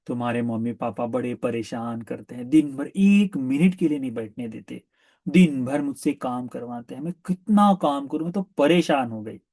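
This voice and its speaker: A man's voice: mid-range voice, normal speed, darkish tone, close to an everyday voice. A man voicing a nagging young wife who complains to her husband about his parents. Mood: complaining. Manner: whiny, complaining.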